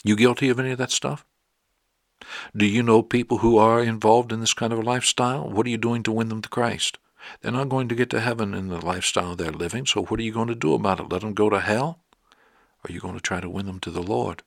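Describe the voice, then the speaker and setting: Gravelly low-voiced male preacher. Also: steady tone, fast talker, no room sound, studio quality. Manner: emphatic, fires rhetorical questions. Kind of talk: sermon.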